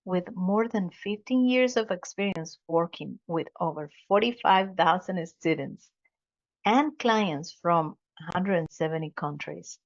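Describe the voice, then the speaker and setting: A woman's voice: fairly low pitch, unhurried. Effusive woman podcast host. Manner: formal, effusive introduction. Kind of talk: podcast interview hosting. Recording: dull lo-fi audio.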